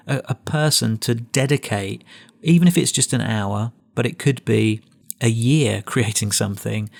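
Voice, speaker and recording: A middle-aged man delivers a recorded lecture at a middle pitch. His voice has a gravelly, creaky edge. He speaks reflectively, circling back and restarting phrases as he goes. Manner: reflective, with frequent restarts and asides.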